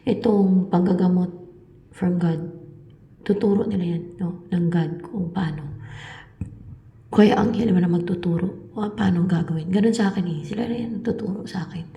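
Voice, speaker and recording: A woman with a low, gravelly, mellow voice talks to her viewers about spiritual matters. She meanders and repeats herself, sometimes sinking to a whisper. The room around her is echoey. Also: steady tone, moderate pace, pauses often, lo-fi sound. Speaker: spiritual reader. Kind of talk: casual spiritual talk to viewers.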